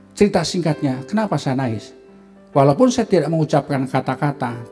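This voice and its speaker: A middle-aged man with an Indonesian accent, preaching a sermon as a pastor and telling a personal story, acting out the dialogue in a livelier, higher voice. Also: dark tone. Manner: storytelling, acts out dialogue with rising pitch, laughs. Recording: faint music behind.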